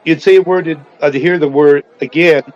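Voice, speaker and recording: A man's voice: a little high, fairly even intonation, moderate pace. A man chatting and joking as a guest on a call-in stream, his voice tinny through the call line. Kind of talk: casual chat. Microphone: remote call audio.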